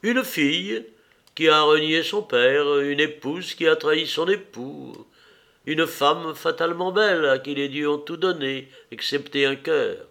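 A man's voice: a little high, a little slow, gravelly, fairly bright tone. A man reading the part of a proud, bitter imperial Roman mother in an audiobook, in a stern, commanding manner.

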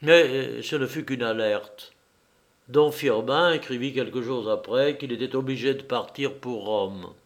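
A man narrating a story in a measured, expressive reading. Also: mid-range voice.

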